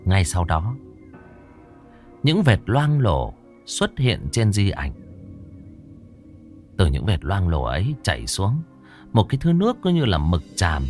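A man narrating a ghost story with a dramatic, lively delivery. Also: sits low.

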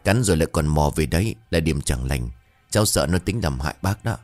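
A man doing a sharp, knowing young villager. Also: rumbling low, expressive, fairly quick, soft background music, pitched below the performer's own voice. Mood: calculating. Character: quick-witted young village man, around twenty.

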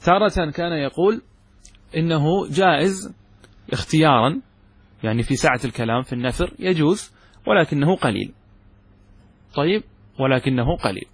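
Husky-voiced man teaching grammar. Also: a little high, expressive, normal speed, pauses often, no echo. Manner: explains step by step, often checking understanding with questions. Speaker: sheikh teaching Arabic grammar. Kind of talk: classroom lecture explaining a text.

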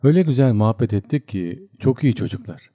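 A man's voice: medium pitch, expressive, quick pace, warm tone, dry recording, studio quality, natural voice. A man voicing a young soldier who rambles and confides like a storyteller. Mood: cheerful. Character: homesick young soldier, man, chatty and earnest.

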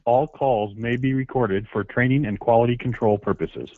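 A man's voice: mid-range voice, normal speed, dry recording. A man giving a formal, scripted recorded greeting for a business phone menu, heard over a landline phone. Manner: even, formal recorded announcement. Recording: narrow, dry phone-line sound.

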